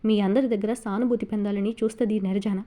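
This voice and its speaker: A woman's voice: medium pitch, steady tone, fairly quick, dark tone, close to an everyday voice. A woman voicing a cruel, sneering middle-aged man who abuses his wife, in an audio novel. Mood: contemptuous. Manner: taunting, contemptuous.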